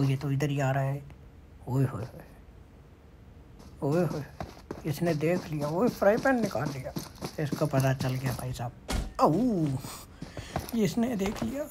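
A man giving casual commentary over his own mobile game matches, excitable and muttering to himself. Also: medium pitch. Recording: noisy with game gunfire behind. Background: gunfire and game sounds.

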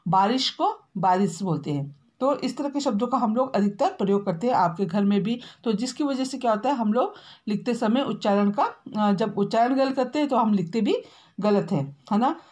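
A woman from Uttarakhand teaching a spelling lesson to young children, stretching words out slowly and ending almost every phrase with a question to the class. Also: fairly high pitch, animated, darkish tone. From Uttarakhand, India. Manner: slow, drawn-out spelling out of words; constant tag questions to pupils. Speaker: primary school teacher.

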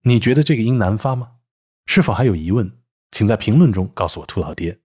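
A man explains pronunciation in a scripted lesson, slowing down to demonstrate sounds. His voice sits low and a little husky, and his intonation moves up and down a lot as he stresses points. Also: expressive, darkish tone. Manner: careful, instructive, demonstrating sounds slowly. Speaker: English pronunciation teacher.

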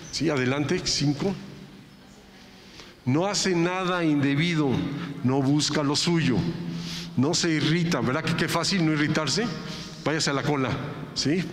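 A man delivers a sermon in a slightly high voice, talking in an easy, conversational way and checking in with his listeners. His voice rings through a large hall with a long reverb tail, and a faint ambient hum sits underneath. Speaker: pastor.

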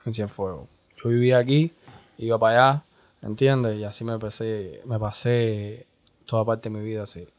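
A man from Cuba with a Cuban Spanish accent, a music producer speaking as a guest in a relaxed interview, often tagging "¿entiendes?". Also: lowish voice. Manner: slow, laid-back, repeats "¿entiendes?". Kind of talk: casual interview.

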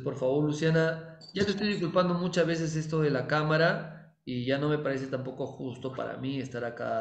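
A man's voice: on the high side, roomy sound. A man teaching an online English class in Spanish, patient, repeating each point and checking that students understand. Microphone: computer mic on a video call.

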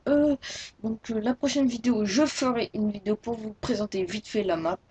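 A woman's voice: on the high side, normal speed, warm tone, husky. Rambling teenage girl YouTuber. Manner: rambling, hesitant, many restarts and fillers. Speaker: Minecraft YouTuber. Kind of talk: casual video announcement.

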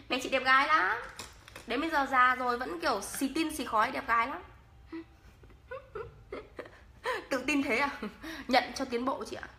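A woman's voice: sits high, bright, forceful tone. A woman with a northern Vietnamese accent chatting casually through a makeup vlog, playful and teasing, often laughing. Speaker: vlogger.

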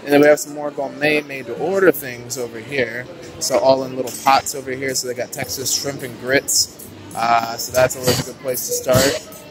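A young man with a mid-range voice and level tone narrates a casual buffet walkthrough at moderate pace, filming on a handheld phone in a large indoor restaurant. Upbeat and full of "ooh"s and "uh"s, he's heard over background music plus diner chatter and clatter in the noisy video.

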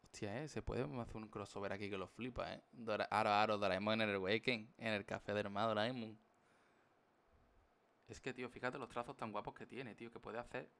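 A man's voice: lowish voice, steady tone, a little fast, a bit bright, clean tone. A young man from chatting casually on a live stream while he draws, playful and full of slang. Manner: playful, slangy, jokey rambling.

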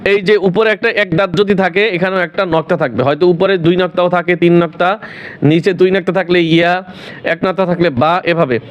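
A man's voice: high-pitched, fairly even intonation, a little fast, muffled recording. A man teaching Quran reading at home, calling out Arabic letters one by one and patiently explaining each.

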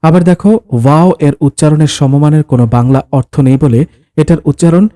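Speaking quickly in a mellow, somewhat high voice, a man narrates a scripted story, giving voice to a husband who explains things with a teacher's patience. It was recorded close in a dry booth, with no echo.

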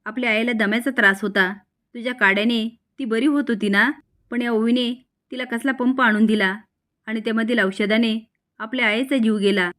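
A woman's voice: fairly high pitch, steady tone, moderate pace, a bit bright, close to an everyday voice. A woman voicing an angry middle-aged woman who shrilly accuses her family. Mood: angry accusing.

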